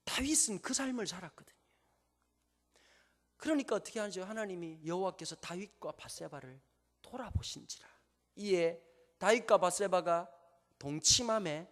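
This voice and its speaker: A man with a Gyeongsang Korean accent preaching a sermon to a congregation, telling stories and asking them rhetorical questions. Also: fairly high pitch. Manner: normally talks very fast, slowing down on purpose. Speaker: pastor. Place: church sanctuary before a congregation. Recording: long church hall reverb.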